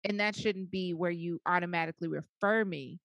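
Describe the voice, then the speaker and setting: A woman guest on an interview, telling stories in an animated, playful way and quoting herself. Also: lowish voice, fairly quick, dry recording. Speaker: guest, media executive. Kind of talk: interview conversation.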